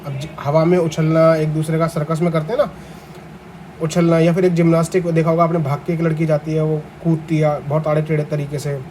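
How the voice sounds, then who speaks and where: A young male teacher with a high, mellow voice, reading each definition slowly and then explaining it casually. He spells the tricky words letter by letter and asks the class questions. Faint noise sits under the recording. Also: level tone, low-quality recording. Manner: reads English definitions slowly, then explains them conversationally. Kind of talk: vocabulary lesson for exam aspirants.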